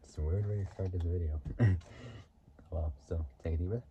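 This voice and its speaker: A young man talking casually to his channel, rambling through fillers, giggles and throat clearing as he explains a movie. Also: low-pitched, steady tone, normal speed, background noise. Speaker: YouTuber. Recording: dull lo-fi sound.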